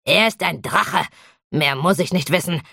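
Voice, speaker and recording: A woman's voice: sits low, a little slow, creaky, pushed and bright, no room sound, clean studio sound, exaggerated voice. A woman voicing a quarrelsome male troll who talks in a mocking, scornful way in an audiobook. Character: sneering, quarrelsome male troll with a forked beard.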